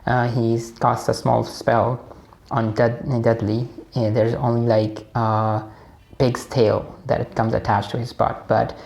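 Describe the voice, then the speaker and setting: Speaking slowly and flatly with vocal fry, this book discussion host has a medium-pitched, slightly mellow voice. He has a Pakistani accent and rambles through a casual personal book analysis, full of fillers and restarts.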